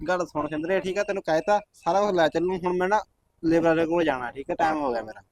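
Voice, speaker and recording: A man's voice: high-pitched, lively intonation, vocal fry, a little mellow, no room sound. A man with a Punjabi accent playing a brusque young farmer husband who waves off his wife's wishes. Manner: brusque, grumbling, quick. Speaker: actor in a short film. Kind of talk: village short-film acting.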